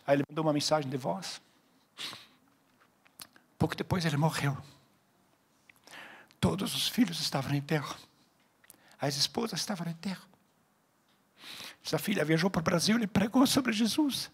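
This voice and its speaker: A male pastor with a Brazilian Portuguese accent preaching a sermon, swinging between loud emphatic lines and hushed ones. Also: fairly high pitch, normal speed, long pauses, husky. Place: church service.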